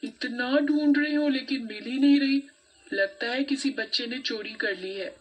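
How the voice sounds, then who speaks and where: A woman's voice: sits high, normal speed, pitched above the performer's own voice, low-quality recording. A woman voicing a jealous schoolgirl cousin who talks spitefully in a cartoon story. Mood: fake distress. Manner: spiteful muttering.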